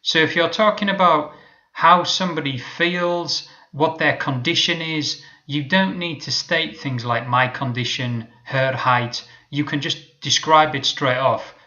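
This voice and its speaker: A man teaching an English lesson, explaining patiently and modelling example sentences slowly. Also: a little high, pushed and bright, dull audio.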